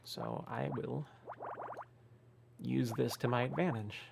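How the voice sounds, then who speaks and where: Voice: mid-range voice, slow pace, vocal fry, noisy background. A gamer reading a story game aloud with dramatic narration and casual, grumbling, sweary asides.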